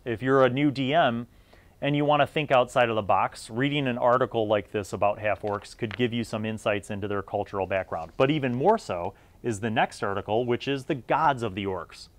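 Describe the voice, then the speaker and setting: At a normal speed and medium pitch, with no echo, the middle-aged host of a tabletop review series shares rambling, unscripted opinions in a conversational tone.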